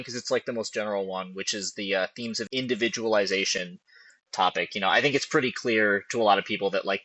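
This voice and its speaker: A man's voice: on the low side, sharp tone, no echo, low-quality recording. A man co-hosting a film podcast, chatting casually and animatedly with lots of fillers and restarts. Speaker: podcast host. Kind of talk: casual film analysis chat.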